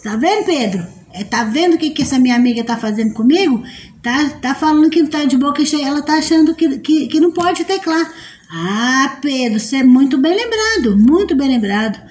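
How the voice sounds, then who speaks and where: A woman's voice: high voice, lively intonation, fairly quick, a little mellow. A woman hosting a casual live stream, reading out viewer comments, greeting people by name and teasing them playfully.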